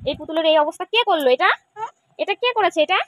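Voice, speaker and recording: A woman's voice: extremely high pitch, quick pace, fairly bright tone, no room sound. A woman playing with a small child, using coaxing, sing-song baby talk full of questions. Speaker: caregiver playing with a toddler.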